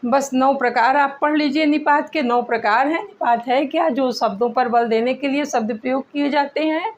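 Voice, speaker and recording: A woman teaching Hindi grammar for exams, reading questions aloud slowly and repeating words so students can write them down. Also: high voice, dull audio. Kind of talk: exam-prep grammar lesson.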